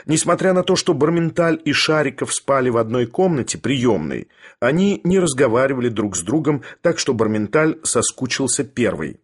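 Husky male audiobook narrator. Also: mid-range voice, big pitch swings, normal speed. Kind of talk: literary narration.

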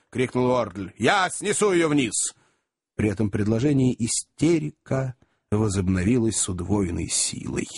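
A man narrating a classic novel in an animated, expressive audiobook reading. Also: lowish voice, husky, no room sound, clean studio sound. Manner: animated storytelling.

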